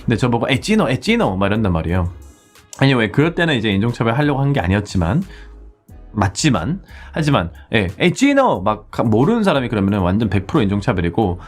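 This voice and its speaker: A man in his forties from Korea gives a casual English lesson, his pitch swinging widely as he acts out confrontations. Faint music plays behind him. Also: fast. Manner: lively, acts out heated street exchanges in English. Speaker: English conversation instructor. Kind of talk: casual English lesson with role-play examples.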